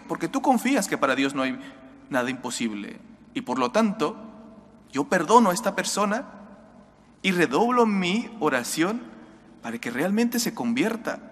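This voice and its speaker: A man's voice: a little high, fairly bright tone, breathy edge. A man in his thirties, a priest with a Spanish accent, giving an earnest homily from a church lectern microphone. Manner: earnest, exhorting, direct address to listeners. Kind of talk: homily at daily Mass. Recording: church reverb.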